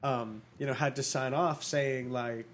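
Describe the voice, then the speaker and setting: A man's voice: medium pitch, fairly even intonation, unhurried, fairly bright tone, a little hiss or hum. A man from Long Island, a podcast guest, telling stories in a chatty way, acting out quotes and laughing often. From Long Island, New York. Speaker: podcast guest, former reality cooking contestant. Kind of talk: casual chat.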